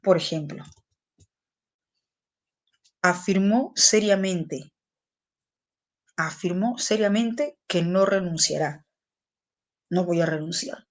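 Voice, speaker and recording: A woman's voice: on the low side, slow pace, long pauses. Patient woman teacher. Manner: patient, repeats phrases to explain, checks in with students. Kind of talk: online class explanation.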